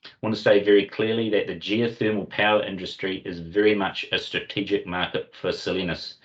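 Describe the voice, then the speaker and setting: A man with a New Zealand Kiwi accent hosting a webinar, giving a formal, measured corporate introduction. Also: low-pitched, steady tone. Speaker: webinar host and company commercial lead. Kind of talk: semi-scripted corporate presentation introduction. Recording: dull, lo-fi online meeting audio.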